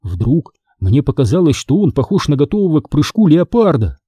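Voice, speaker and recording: Expressive male audiobook narrator. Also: a little high, moderate pace, husky, dry recording.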